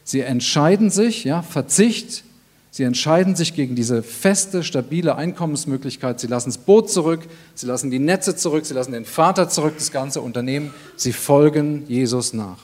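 A man preaching a sermon in an earnest, emphatic way, with deliberate pauses and repeated phrases. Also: fairly high pitch, a little mellow.

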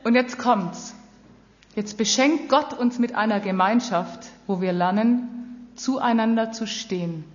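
A woman's voice: a little high, slow pace. A woman preaching a sermon, speaking earnestly and directly to her audience. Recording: dull audio with long hall reverb.

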